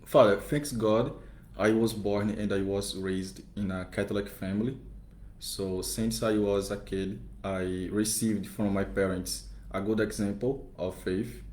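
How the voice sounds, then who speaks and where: A young man in his twenties with a Brazilian Portuguese accent, speaking in a fairly low voice. He talks in careful, hesitant English and is polite throughout. His voice carries through an echoing parish room. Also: fairly even intonation, a little slow, a little mellow, slight background noise. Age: 20s. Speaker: seminarian guest.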